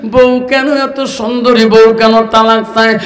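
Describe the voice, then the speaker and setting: A man preaches in a high, ringing voice, drawing out each phrase slowly in a tearful half-sung chant. He acts out the people of his story as he goes. The recording carries a long hall echo with soft music underneath. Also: little pitch movement.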